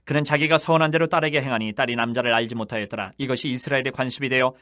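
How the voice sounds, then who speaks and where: A man steadily reads scripture in a formal, even recitation. He is sped up to a brisk, rapid pace. The recording is dry and close, with no room sound. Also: mid-range voice, dry recording. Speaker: Bible reader. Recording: sped up 1.4 times.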